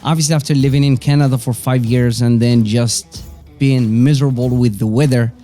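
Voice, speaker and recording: Speaking as an interview guest, a Moroccan-accented business owner in his forties, native in Arabic and French, casually recounts personal stories. He has a mellow, medium-pitched voice with a steady tone and a normal speed, over faint background music.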